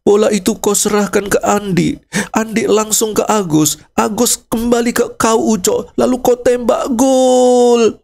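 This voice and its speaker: A man voicing a grieving parent who mourns a dead child and recalls his football goals, wailing slowly until it rises into a shout. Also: sits high, fairly even intonation, vocal fry, pitched above the performer's own voice. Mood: wailing grief. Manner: wailing, slow, turns into shouted sports commentary.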